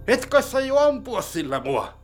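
A man's voice: very high voice, very animated, soft background music, pitched above the performer's own voice, heavily acted. A man voicing a fretful, easily worried character in a comedy sketch, complaining and asking anxious questions. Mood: whiny. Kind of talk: comedy sketch role-play.

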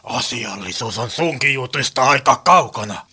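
A man doing a gruff, grumbling crook. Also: medium pitch, lively intonation, sharp tone, pitched below the performer's own voice, exaggerated voice. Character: gruff male small-time crook, dim and grumpy. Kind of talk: amateur comic radio play acting.

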